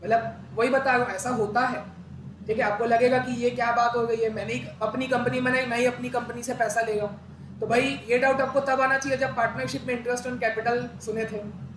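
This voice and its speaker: A man teaches an accountancy class in a conversational style, quizzing students and repeating key terms. His voice is very high-pitched, level and fairly bright, at a moderate pace. The classroom is echoey, with background noise.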